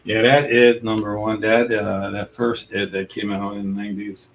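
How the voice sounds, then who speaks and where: A man's voice: on the low side, level tone, moderate pace, a little hiss or hum, low-quality recording. A middle-aged man hosting a live stream as an artist, chatting in a rambling, casual way and laughing often.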